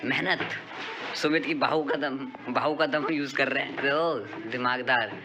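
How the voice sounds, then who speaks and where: A man's voice: medium pitch, steady tone, moderate pace, background noise. A man filming a behind-the-scenes shoot, teasing his friends in casual, playful commentary. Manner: playful, joking, coaxing.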